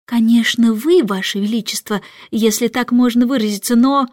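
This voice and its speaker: A woman's voice: fairly high pitch, moderate pace, no room sound, clean studio sound, natural voice. A woman voicing a stern, formal lord chancellor in a storybook reading.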